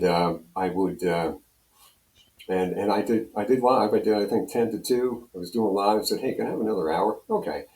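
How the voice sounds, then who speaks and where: In an echoey, roomy recording, an older American man from Pennsylvania tells rambling stories as a radio guest, acting out bits of conversation. His voice sits low and sounds somewhat mellow.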